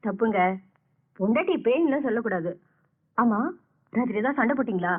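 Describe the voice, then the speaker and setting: An actress playing a composed young woman who talks smoothly and persuasively to calm others in an old film drama. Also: fairly high pitch, a little fast. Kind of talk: film melodrama acting. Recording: tinny lo-fi old film soundtrack.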